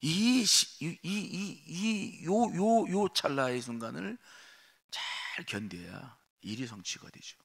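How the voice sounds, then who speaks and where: An emphatic, bright-voiced male pastor. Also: on the high side, lively intonation, takes it slowly, creaky, slightly rough. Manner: emphatic, swings from quiet asides to shouting; asks the congregation rhetorical questions. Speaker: senior pastor. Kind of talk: sermon at an early-morning prayer service.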